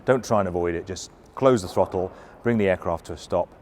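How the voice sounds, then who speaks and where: A middle-aged or older man giving an informal, hands-on briefing as a flight instructor, explaining in a halting, self-correcting way. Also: low voice, a little mellow, a little hiss or hum.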